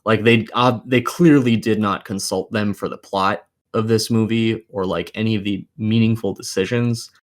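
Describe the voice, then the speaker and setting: With a lowish voice, fairly even intonation and few pauses, this podcast co-host talks at normal speed. His casual take on games and films turns into a profane, exasperated, emphatic rant.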